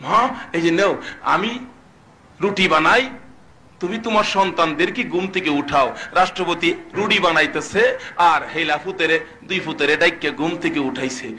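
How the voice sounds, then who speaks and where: Fiery high-voiced preacher. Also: male voice, moderate pace. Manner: fiery, chanting, asks the crowd questions; shouts sung climaxes, drops to soft storytelling. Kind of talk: Bengali waz sermon.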